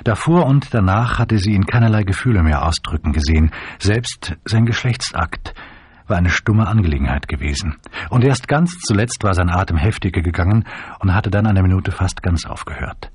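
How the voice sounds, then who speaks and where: A man narrating an audiobook in a measured storytelling manner. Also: low voice, animated, a little mellow, slightly rough, no room sound.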